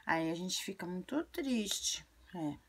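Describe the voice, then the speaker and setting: Woman as a little girl character, breathy, earnest, chatty, fairly low voice. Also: animated, slow, exaggerated voice. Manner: childlike storytelling, repetitive. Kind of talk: video monologue in character.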